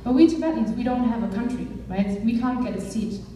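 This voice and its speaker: A woman's voice: on the high side, expressive, fairly quick, dark tone, slight background noise. A young woman from Germany, a campaigns director, giving an earnest speech to a live audience with many fillers. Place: large echoey hall. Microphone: far from the mic. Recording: echoey hall, voice from far off.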